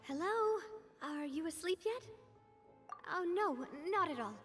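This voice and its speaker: Navia, high-voiced confident young boss. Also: female voice, expressive, a little slow, a bit bright, soft background music, exaggerated voice. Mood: bright, inviting. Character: confident young woman gang boss, cheerful yet firm. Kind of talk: animated video game voice acting.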